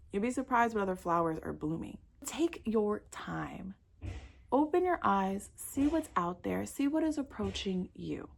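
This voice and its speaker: Speaking in a creaky, mid-range voice, a South Florida woman in her 30s dishes out chatty, sassy dating advice directly to camera. She's a millennial who keeps calling her viewers girl and babe.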